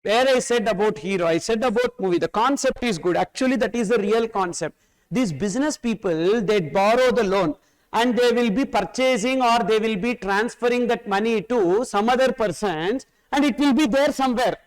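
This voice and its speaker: A man's voice: high voice, normal speed, rough recording. A man with a South Indian accent lecturing a class, emphatic and repetitive, often asking questions and answering them himself. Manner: emphatic, repeats phrases, asks and answers own questions. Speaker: tax course teacher.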